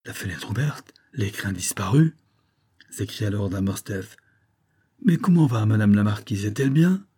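A man's voice: on the low side, lively intonation, normal speed, warm tone, husky, dry recording, studio quality. A man voicing a startled old English lord in an audiobook, talking in blustering, commanding exclamations.

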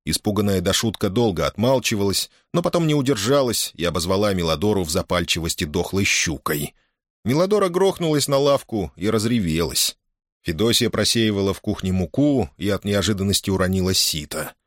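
A man narrating an audiobook with expressive storytelling. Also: lowish voice, a little fast, dry recording, clean studio sound. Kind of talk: audiobook reading.

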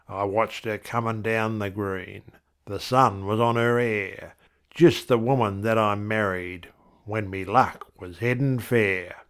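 A man reading verse as a fond, wry rural husband, speaking in homely, unhurried vernacular. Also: medium pitch.

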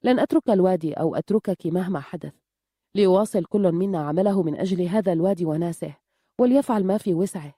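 An earnest, steadfast village doctor with a low, warm, mellow voice, read by a woman narrator. He speaks with quiet resolve, and the recording is close and dry. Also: no room sound, close to an everyday voice.

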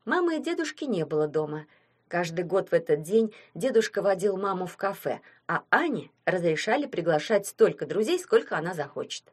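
A woman narrating a children's storybook in an expressive way. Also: lowish voice, fairly quick, husky. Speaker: reader.

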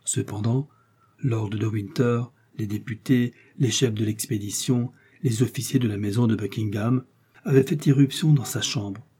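A man narrating a classic novel as an audiobook, with a measured, dramatic reading. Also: lowish voice, steady tone, warm tone, husky.

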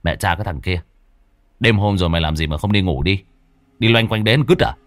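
Man voicing a low gruff village bully, cursing, blunt, short-tempered. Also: brisk, no room sound, lightly acted. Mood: angry cursing. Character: gruff hot-tempered village tough, big brother.

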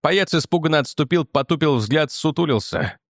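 A man reading a story aloud in an even, measured way. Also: on the high side, dry recording, clean studio sound. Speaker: audiobook narrator. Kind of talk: scripted narration.

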